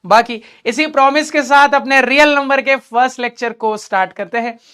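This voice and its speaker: A man's voice: very high voice, normal speed, pushed and bright, clear, resonant tone. A man teaching math in an online class, encouraging his students and repeating key points while talking to them directly.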